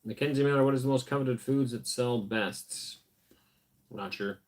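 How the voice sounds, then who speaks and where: A tired man runs a casual homestead livestream, reading viewer comments aloud and answering in a relaxed way, with plenty of filler words. His voice is mid-range and he talks at a normal speed.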